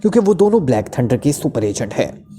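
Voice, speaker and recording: A man's voice: medium pitch, big pitch swings, fast, warm tone, close to an everyday voice. A man voices a terrified male club owner who stammers and trembles under interrogation, then talks on and on. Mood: talkative.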